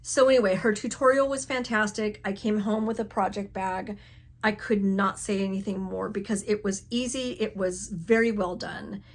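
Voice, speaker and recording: Casting note: middle-aged woman crafting vlogger, animated, laughs at herself, mid-pitched voice, casual home setting. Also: normal speed. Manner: animated, self-mocking, laughs often. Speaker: crafting channel host. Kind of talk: casual chatty vlog.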